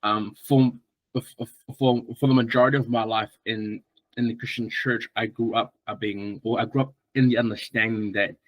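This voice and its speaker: A man from Samoa, a guest on a podcast, chatting in a friendly, relaxed way with lots of fillers and restarts. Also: medium pitch, moderate pace, dry recording, low-quality recording. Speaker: guest, strength coach. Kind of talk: casual podcast interview.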